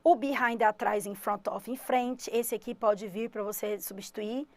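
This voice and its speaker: Lively Brazilian woman teaching English. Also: fairly high pitch, moderate pace, no room sound. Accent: Brazilian Portuguese. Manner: energetic, emphatic, shifts between explaining and quoting students. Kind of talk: live online exam-prep class. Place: studio.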